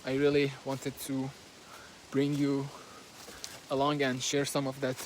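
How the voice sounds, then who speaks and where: This man, a book reviewer and native Persian speaker with a matching accent, strolls outside while hesitantly recapping a book, full of fillers and restarts. He talks unhurriedly in a medium pitch with a completely flat delivery. The rough recording, made on a simple handheld phone, carries a bit of hiss or hum.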